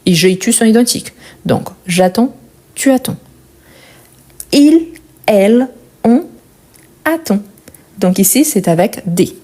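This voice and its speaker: A woman teaching verb conjugation, repeating each form slowly and clearly and checking in with short questions. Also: a little high, lively intonation, warm tone. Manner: checks in with "ok?" and "bien". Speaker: French teacher. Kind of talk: explaining conjugation.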